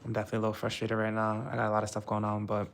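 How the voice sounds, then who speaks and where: A young man from the United States chats on a live stream, loose and rambling, thick with fillers and restarts. His voice sits a little low and has a gravelly fry running through it. He sounds frustrated as he works his way through his thoughts. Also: monotone, racing. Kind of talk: casual live-stream talk.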